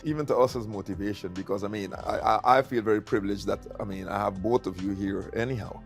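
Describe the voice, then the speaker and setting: The host here is a middle-aged tea company founder from Guyana, talking fast in a lowish voice during a casual interview. He keeps repeating words between fillers while light music plays in the background.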